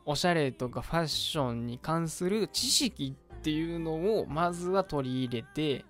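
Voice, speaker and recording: A man's voice: on the high side, expressive, normal speed, a bit bright, faint music behind. A man with a Kansai Japanese accent hosting a livestreamed radio show, chatting casually and explaining advice to listeners in a colloquial way.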